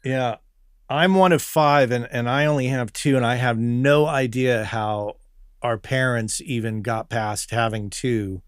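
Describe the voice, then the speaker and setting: A man's voice: mid-range voice, a little slow, smooth, dry recording, studio quality. A man hosting an audio podcast, asking curious questions and reacting to his guests. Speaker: podcast host. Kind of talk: interview hosting.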